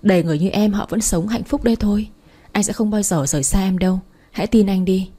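A woman reads the part of a soft-spoken young boyfriend in a spoken story, teasing yet protective. The voice is dark and mellow with a husky, breathy edge. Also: medium pitch, fast talker, lightly acted. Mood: tender. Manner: soft, reassuring, lightly teasing. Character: gentle teasing young man, the narrator's boyfriend.

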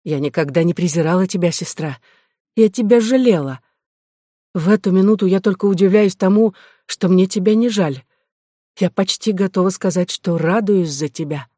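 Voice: medium pitch, moderate pace, mellow, dry recording, clean studio sound, natural voice. A reader voicing a despairing, proud heroine. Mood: calm. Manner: anguished, pleading. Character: despairing, proud woman, worn out by suffering. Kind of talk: audiobook reading.

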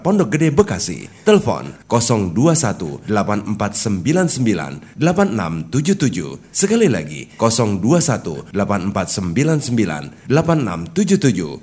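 A man reading a radio infomercial as an announcer, in an emphatic sales-pitch style. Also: a little mellow, husky. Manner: emphatic sales-pitch listing of products and contacts.

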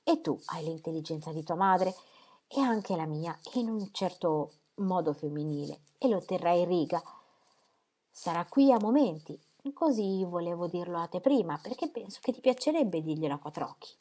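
A woman voicing a calm, caring older father who speaks gently and warns kindly, in an audiobook reading. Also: lowish voice, moderate pace.

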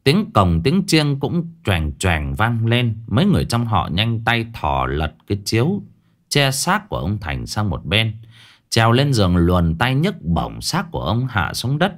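Lively low-voiced ghost-story narrator. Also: male voice, measured pace.

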